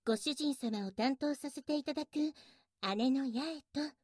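A woman's voice: sits high, normal speed, darkish tone, dry recording, studio quality, natural voice. A woman playing a young maid who greets her master with sugary, polite maid cafe manners in a scripted audio role-play. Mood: sweet, welcoming.

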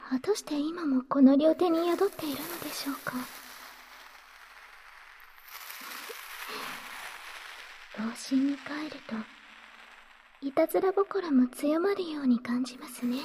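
A woman playing a gentle, devoted maid who soothes her master with formal politeness in a soft, breathy ASMR role-play. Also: sits high, a little hiss or hum. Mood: tender, soothing.

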